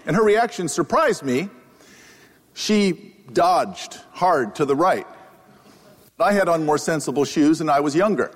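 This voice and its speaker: A man's voice: fairly high pitch, expressive, measured pace. A man giving a humorous public lecture as an economist, telling a self-deprecating story on stage with a microphone on. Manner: wry, self-deprecating anecdotal delivery. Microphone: wearing a microphone. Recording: live talk with long hall reverb.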